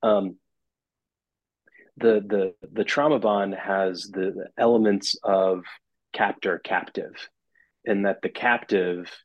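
A man, a therapist on a podcast, explaining ideas in a measured way with some fillers and restarts. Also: low voice, dry recording, rough recording. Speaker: therapist guest. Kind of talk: interview answers.

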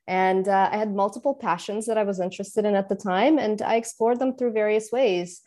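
A Russian entrepreneur in her thirties answers interview questions as a guest, articulate but using frequent fillers. Her mid-range voice is warm, with fairly even intonation and a slightly fast pace.

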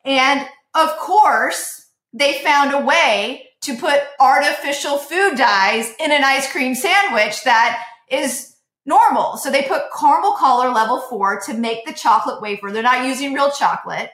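A woman's voice: sits high, animated, normal speed, fairly bright tone, echoey room. A woman in her thirties, a podcast guest telling a family story in casual chat and acting out the dialogue she quotes.

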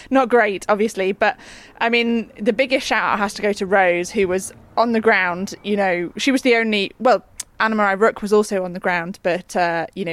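A woman's voice: medium pitch, no echo. A woman with a British accent in a very dry recording, with a mid-range voice. She chats casually as a podcast co-host, stressing her points with enthusiasm. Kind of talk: casual chat.

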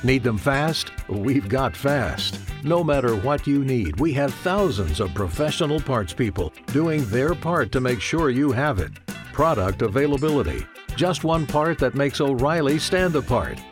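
A male announcer delivering a scripted commercial with a lively, bouncing intonation and a punchy sales push. A guitar music bed plays clearly underneath. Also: mid-range voice, a little slow. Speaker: radio ad announcer. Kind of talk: scripted ad read.

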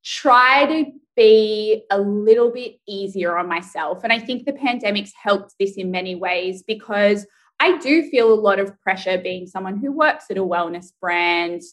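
Woman, podcast guest, candid, reflective, thinks aloud, mid pitch. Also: expressive, unhurried, poor audio. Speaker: guest, brand executive. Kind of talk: podcast interview.

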